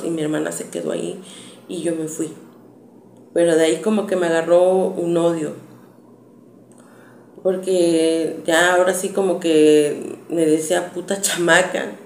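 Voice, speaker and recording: A woman's voice: lowish voice, warm tone. A woman tells a personal story in an earnest, hesitant, conversational way. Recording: echoey room with faint background noise.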